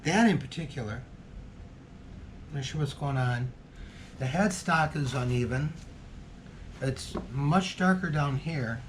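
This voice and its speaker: Hosting his guitar-building channel, a man thinks aloud in a casual way, full of ums, restarts and long pauses. His mid-range voice is expressive and a little slow, and the audio carries a little hiss or hum.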